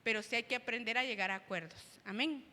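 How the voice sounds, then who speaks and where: A woman's voice: fairly high pitch, quick pace, pushed and bright, big-room sound. A woman co-presenting at a church service, speaking thoughtfully and often checking in with the listeners. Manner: thoughtful, frequent tag questions. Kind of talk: reflective church talk.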